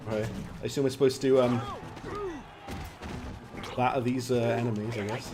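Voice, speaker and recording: This gaming streamer has a Welsh accent and a mid-range voice, speaking at normal speed in a steady tone. He gives chatty gameplay commentary, laughing as he talks to his viewers over game music and sound effects.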